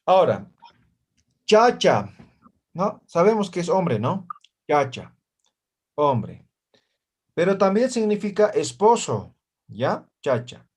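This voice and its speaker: Slow-paced man teaching a language class. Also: on the high side, a little mellow, husky. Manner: slow, repeats words and checks with "¿ya?" and "¿no ve?". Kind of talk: online class teaching vocabulary.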